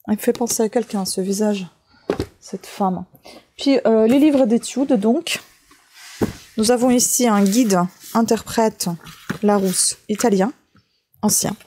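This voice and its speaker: A woman's voice: on the high side, unhurried, pauses often, mellow, slight background noise. A woman chatting casually while sorting and cleaning old books, thinking aloud and tagging sentences with little asides. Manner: chatty, thinking aloud while handling items, frequent "hein". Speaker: vlogger sorting books from bulky-item collection. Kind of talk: casual running commentary.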